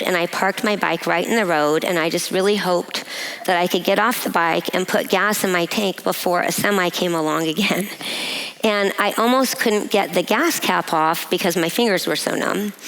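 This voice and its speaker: A woman giving a personal testimony at a women's breakfast, telling a story in a measured way and laughing often. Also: medium pitch, a bit bright, low-quality recording. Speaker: guest speaker. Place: event hall.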